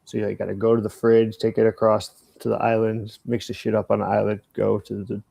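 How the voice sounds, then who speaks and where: An older man chatting casually on a podcast, wandering from idea to story. His voice is gravelly and husky, low and dark, and it sits close and dry on the mic. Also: level tone, a little fast, no room sound. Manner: rambling, swears freely, acts out both sides of a story. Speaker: podcast co-host. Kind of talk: casual chat.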